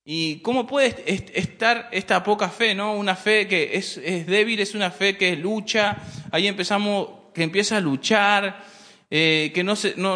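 A man preaching a sermon, addressing the congregation as brothers and often pausing on rhetorical questions. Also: sits high, bright, forceful tone. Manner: repeats and restarts phrases while preaching. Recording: hall reverb.

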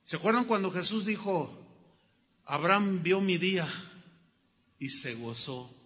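A man's voice: high voice, lively intonation, measured pace, fairly bright tone, breathy edge. A man preaching a sermon who retells Bible stories and emphatically repeats his key words. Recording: reverberant hall, dull lo-fi sound.

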